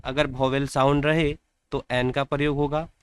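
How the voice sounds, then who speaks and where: A man's voice: medium pitch, little pitch movement, moderate pace, smooth, no room sound. A man teaching an English grammar lesson to children, repeating words and asking them questions.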